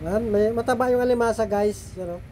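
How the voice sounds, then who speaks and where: Brief: middle-aged food vlogger, mellow and slightly nasal, chatty, keeps checking in with viewers. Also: mid-range voice, brisk, a little hiss or hum. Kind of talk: casual eating and cooking vlog.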